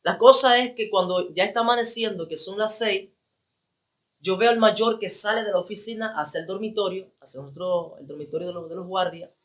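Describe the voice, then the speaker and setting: A man's voice: high voice, fairly bright tone. A man, an evangelist giving his personal testimony with emotion and repeating phrases for emphasis.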